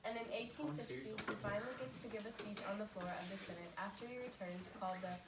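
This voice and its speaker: A woman student narrating a history class presentation in a lively, jokey storytelling manner. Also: mid-range voice, fast, heavy background noise. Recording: echoey room, distant mic, music.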